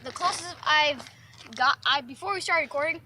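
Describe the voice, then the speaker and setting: High-voiced, breathless woman vlogging outdoors. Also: normal speed, background noise. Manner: breathless, tired and joking while riding. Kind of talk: casual vlog chat. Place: outdoors at night.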